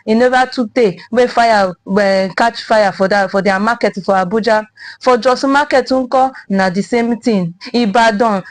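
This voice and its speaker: A woman's voice: a little high, no echo. A woman with a Nigerian accent anchoring a conversational headline review in Nigerian Pidgin, dotting her phrases with "o" tags.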